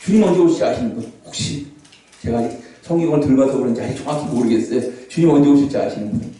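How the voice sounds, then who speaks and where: A man preaching a revival sermon as a pastor, animated, sometimes shouting out scripture cries. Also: medium pitch, racing. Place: large prayer hall. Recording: echoey hall, voice from far off.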